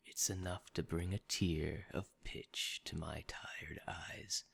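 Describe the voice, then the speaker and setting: A man's voice: sits low, fairly bright tone, full character voice. A man voicing a sly, gloating shoulder devil in an ASMR role-play, savoring ornate words with theatrical relish. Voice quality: gravelly, husky, breathy. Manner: theatrical, ornate, alliterative, savoring each word. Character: sly, gloating shoulder devil, weary office-worker of sin.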